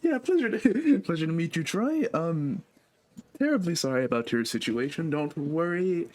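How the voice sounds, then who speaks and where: A man's voice: a little high, animated, normal speed, darkish tone, voice pushed up, lightly acted. A man playing a polite, fumbling church leader. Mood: courteous. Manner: courteous and hesitant, full of ums.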